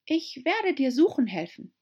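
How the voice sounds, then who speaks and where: A woman voicing a curious, polite young girl in an audiobook, speaking high and eagerly. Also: very animated, measured pace, darkish tone, highs cut off.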